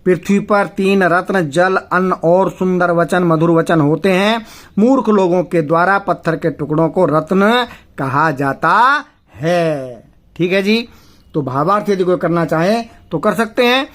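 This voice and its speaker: A man teaching a class as a Sanskrit teacher, patiently explaining and slowly chanting verses before breaking them down word by word. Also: sits high. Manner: deliberate, with frequent pauses and fillers. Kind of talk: lesson explaining a textbook chapter.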